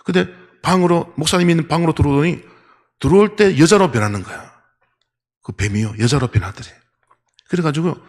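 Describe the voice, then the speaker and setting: A man preaching a sermon as senior pastor in a church, telling a story with animation and asking the congregation rhetorical questions. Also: on the high side. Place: church sanctuary.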